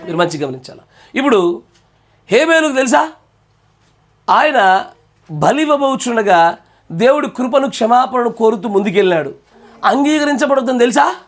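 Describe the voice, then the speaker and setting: A male pastor, preaching a sermon. He swings between hushed and loud, shouts at the peaks, chuckles and teases the congregation, and slips English phrases into his preaching. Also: extremely high pitch, very animated, normal speed, pauses often.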